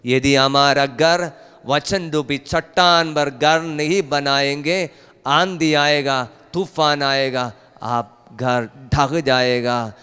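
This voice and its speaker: A man's voice: medium pitch, fairly even intonation, slow pace, clear, resonant tone, big-room sound. A male priest, preaching a rousing sermon at a family retreat and urging the crowd to call out hallelujah. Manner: rousing, calls for hallelujah, rises to loud emphatic peaks. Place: large hall at a retreat.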